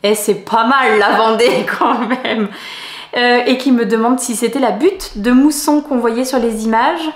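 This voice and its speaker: A woman's voice: on the high side, measured pace. Chatty French woman vlogging, roomy sound. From France. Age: middle-aged. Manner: rambling, many hesitations, frequent soft laughs. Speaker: knitting vlogger. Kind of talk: casual chatty vlog.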